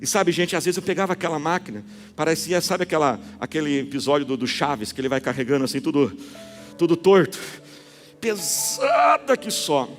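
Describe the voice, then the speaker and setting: A man's voice: a little high, animated, normal speed, long reverb tail, soft background music. A Brazilian man in his forties, a pastor preaching a sermon, telling stories and asking the congregation rhetorical questions. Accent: Brazilian Portuguese. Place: church sanctuary.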